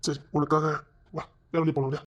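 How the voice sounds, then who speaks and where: A woman's voice: deep voice, little pitch movement, normal speed. A woman voicing an eager young man who coaxes and reassures his girlfriend. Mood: coaxing. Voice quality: husky. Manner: coaxing, soft reassurances.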